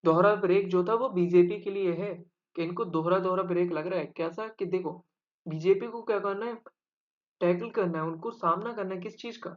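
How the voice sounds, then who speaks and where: A man's voice: high voice, fairly even intonation, normal speed, lo-fi sound. A man teaching an exam-prep English grammar lesson, explaining step by step and quizzing his viewers with rhetorical questions.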